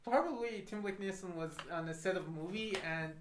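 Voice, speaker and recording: A co-host of a film podcast, chatting about movies in a relaxed, conversational way. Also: mid-range voice, brisk. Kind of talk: casual film chat. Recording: echoey room with faint noise.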